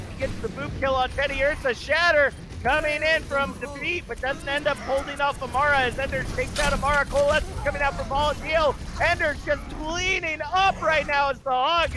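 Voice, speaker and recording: A man calling live esports action as play-by-play caster, fast and excited. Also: very high-pitched.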